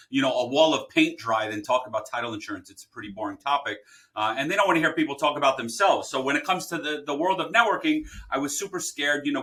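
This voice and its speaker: Bright-voiced man telling his story. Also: mid-range voice. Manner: animated storyteller who acts out quoted people. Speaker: podcast guest, title company founder. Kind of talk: storytelling interview answers.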